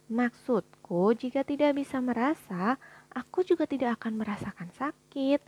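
A woman voicing a curious, blunt young girl in a storybook reading, with a breathy voice and eager, bright questions. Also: sits high, animated, normal speed.

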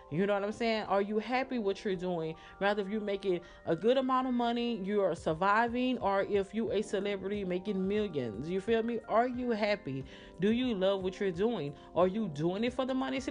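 Sassy woman podcast host, music behind. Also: mid-range voice. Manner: sassy, slangy, emphatic, with drawn-out words. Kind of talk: casual solo podcast talk.

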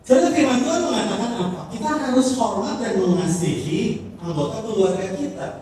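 During his sermon, a pastor tells a funny story and performs the characters' lines himself. The voice sits high and sounds expressive, brisk, and darkish, captured from afar in an echoey hall with slight background noise.

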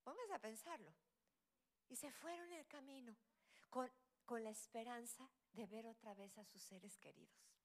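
A middle-aged woman preaching a sermon, with a fairly high-pitched voice. She shifts dramatically between loud, rising exclamations and quiet, whispered asides. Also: normal speed.

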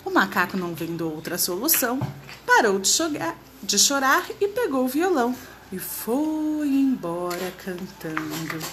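Lady reading a kids story, sing-songy, highish voice. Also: moderate pace, slight background noise. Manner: expressive, sing-song. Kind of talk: children's storybook read-aloud.

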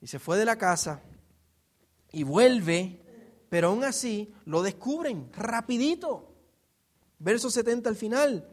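Preaching informally with a Puerto Rican accent, a man tells stories while unpacking scripture, acting out quotes and asking rhetorical questions in this expository sermon. He speaks slowly in a high voice with lively intonation, pausing often.

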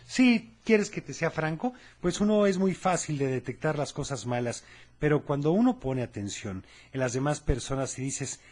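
A man's voice: fairly high pitch, lively intonation, moderate pace, darkish tone. A man hosting a children's radio show, cheerful and talking straight to the kids.

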